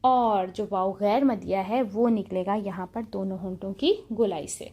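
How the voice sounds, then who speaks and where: A woman's voice: mid-range voice, dark tone. A woman teaching an online Quran recitation lesson, explaining patiently and repeating key points.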